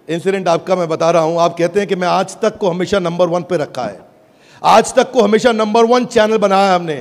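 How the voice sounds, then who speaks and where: A man giving an energetic motivational business speech to a live audience, rallying the crowd. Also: high-pitched. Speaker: business speaker pitching an app. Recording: echoey hall with crowd noise.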